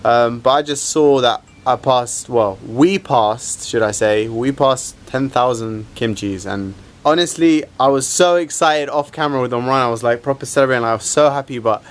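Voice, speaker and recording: A man's voice: medium pitch, moderate pace, few pauses. A man in his twenties chatting casually to camera as a playful vlogger, often repeating words for emphasis, recorded at arm's length. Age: 20s. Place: car interior, outdoors and small rooms. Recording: clear background noise, car and handheld camera.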